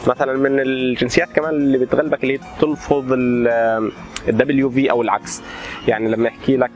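A man, an architect vlogger, explains casually and drops English terms into his talk with lively everyday examples. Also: medium pitch, fast, faint music behind. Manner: mixes English terms into Arabic.

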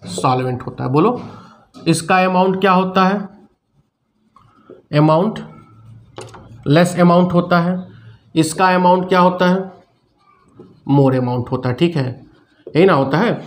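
Middle-aged male chemistry teacher, high-pitched, asks and answers his own questions. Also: measured pace, pauses often. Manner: repeats questions and answers them himself; mixes English terms into Hindi. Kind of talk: classroom lecture.

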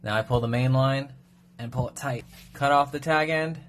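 A man's voice: mid-range voice, slight background noise. Upbeat man teaching fishing knots. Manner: upbeat, brisk instructional. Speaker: fishing knot instructor. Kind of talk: step-by-step tutorial. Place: indoors at a kitchen sink.

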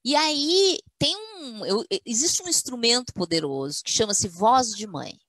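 Woman on a webinar, animated, stern mom voice for the quotes, dry sound. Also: a little high, measured pace, dry recording. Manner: animated, acts out quotes in a firm "mother's voice". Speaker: guest speaker, university academic. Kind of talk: webinar conversation, storytelling.

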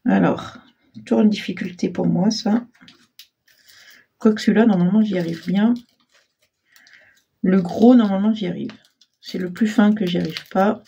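A woman hosting a casual crafting tutorial, chatty and self-deprecating, full of fillers and clearing her throat often. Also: medium pitch, normal speed, long pauses, dark tone, highs cut off. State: frequent throat clearing, frog in throat. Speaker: crafting channel host.

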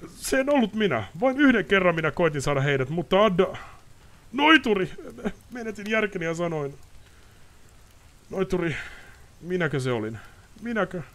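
Shrill nobleman as a man reads him, shouting, panicky, high and loud, wildly swinging. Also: sing-song, pauses often. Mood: pleading. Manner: shouting, ranting, pleading. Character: furious panicking male nobleman.

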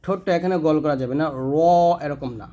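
A man with a slightly high voice leads a Quran pronunciation lesson. He sounds out each letter slowly and carefully, then explains in plain, steady terms where the tongue and throat should be placed. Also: muffled recording. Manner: self-corrects mid-lesson. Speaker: Quran recitation teacher.

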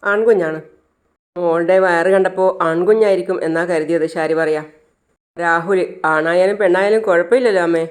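Recap vlogger, mid pitch, filler-heavy retelling with quoted dialogue. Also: normal speed, smooth. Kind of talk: casual story recap narration.

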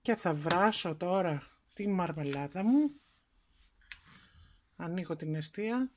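A woman with a Greek accent hosting a home cooking video, calmly explaining each step in her kitchen. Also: lowish voice, a little hiss or hum. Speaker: cooking show host.

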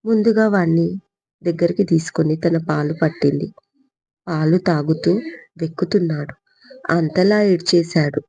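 A woman narrating her own written story in a steady storytelling manner. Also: low voice, normal speed, creaky, pauses often, husky. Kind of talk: scripted narration. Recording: dull lo-fi recording.

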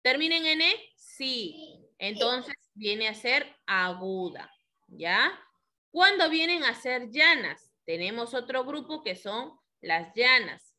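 A woman teacher with a Peruvian Spanish accent, teaching a classroom lesson slowly and patiently, asking the class questions. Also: on the high side, animated, pushed and bright.

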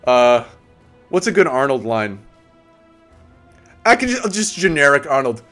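A man's voice: mid-range voice, sing-song, measured pace, fairly bright tone, soft background music. A man streaming a game, chatting casually with viewers, laid-back, swearing and laughing often. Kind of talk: casual live-stream chat.

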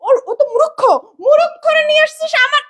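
A woman acting a scolding older sister in a skit, loud and shrill as she tells someone off. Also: fairly quick. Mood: mocking.

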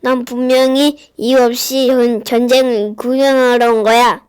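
Elder brother, woman performer, children's drama: high-pitched, suspicious, scolding. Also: flat delivery, unhurried, clean tone, close to an everyday voice. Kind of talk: children's Bible play acting.

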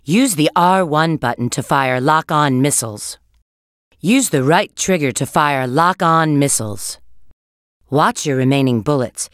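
A woman's voice: low-pitched, lively intonation, measured pace, dry recording, clean studio sound. A woman voicing a confident, sly adult female bat treasure hunter in a video game, coaching with a cool, knowing tone. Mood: instructing. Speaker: game character giving hints. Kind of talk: game voice acting.

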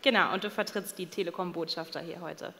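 A woman's voice: fairly low pitch, steady tone, brisk, creaky, bright, forceful tone. A woman in her thirties moderating a conference panel with a handheld mic, casual and full of fillers. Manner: casual, with filler sounds and light laughs. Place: conference stage in a large hall. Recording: long reverb of event hall.

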